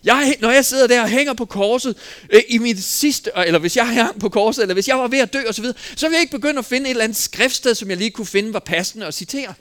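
A man preaching a sermon, with an expressive delivery that moves between emphatic and hushed. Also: very high voice.

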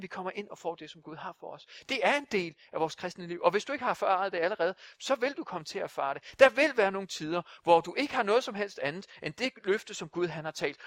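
A man's voice: fairly high pitch, a bit bright, no room sound, clean studio sound. A man preaching a sermon in an impassioned, emphatic way, often repeating himself.

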